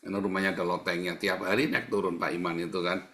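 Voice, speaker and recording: A man's voice: deep voice, little pitch movement, rapid-fire, fairly bright tone. A male pastor giving a sermon in a joking, conversational way, often addressing the congregation directly.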